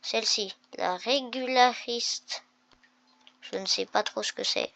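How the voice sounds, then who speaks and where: A woman's voice: a little high, slow pace, vocal fry, a bit bright. A woman hosting a gaming video, commenting casually and thinking aloud as she tests things in the game. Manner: chatty, thinking aloud with fillers. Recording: game music playing behind.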